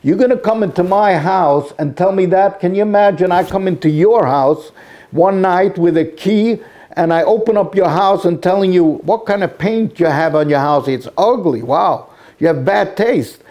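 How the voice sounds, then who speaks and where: A man giving an impassioned sermon-like monologue in a synagogue, repeating himself with dramatic pauses. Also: high-pitched, mellow. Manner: emotional, repetitive, with dramatic pauses.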